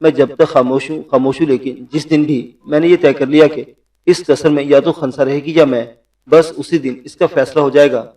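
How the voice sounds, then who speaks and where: Tearful headstrong young woman read by a man in his own voice, mellow, distant mic. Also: fairly high pitch, fairly even intonation, close to an everyday voice. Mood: defiant. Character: young woman, distraught and stubborn.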